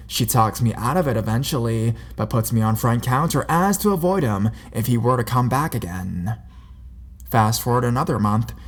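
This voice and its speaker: Man narrating a horror story. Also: medium pitch. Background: faint music.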